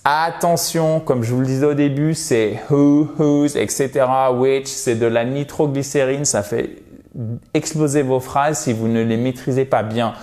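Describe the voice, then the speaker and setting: A French-speaking man teaching English in a video lesson, lively, saying English sentences slowly and clearly. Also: mid-range voice.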